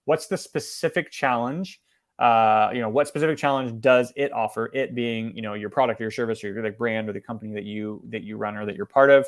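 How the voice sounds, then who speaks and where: A man presenting a marketing lesson, talking fast and conversationally, with many fillers and restarts. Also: mid-range voice. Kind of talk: webinar presentation.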